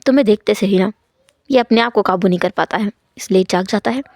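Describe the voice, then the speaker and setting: A woman voicing a tender, devoted young husband who speaks gently and low, in a read-aloud fanfiction story. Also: fast talker, lightly acted.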